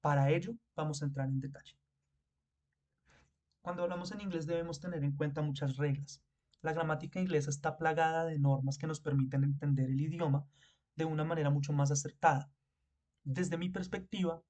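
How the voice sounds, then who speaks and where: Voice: mid-range voice, warm tone. A teacher explaining grammar step by step in a video lesson, asking the listener for agreement and spelling words out letter by letter. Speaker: English teacher.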